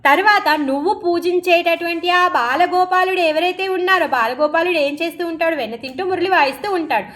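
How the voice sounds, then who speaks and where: A woman teaching a devotional scripture class, explaining the story, asking her listeners questions and chanting verses slowly. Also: extremely high pitch, a bit bright.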